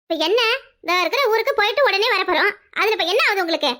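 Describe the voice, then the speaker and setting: A woman's voice: extremely high pitch, lively intonation, rapid-fire, bright, forceful tone, full character voice. A woman voicing a young village daughter-in-law in a cartoon, arguing back with a Kanyakumari Tamil accent. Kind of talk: cartoon voice acting.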